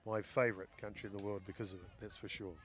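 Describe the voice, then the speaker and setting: A man giving live play-by-play commentary at a softball game, chatting with his co-commentator between plays and getting loud on big hits. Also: lowish voice, level tone, fast talker, crowd noise. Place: outdoor ballpark.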